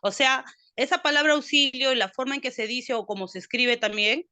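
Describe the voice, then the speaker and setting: A woman's voice: sits high, fairly quick, pushed and bright, dry recording. Woman, student, reading aloud, dry close sound. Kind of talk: reading aloud and explaining in class.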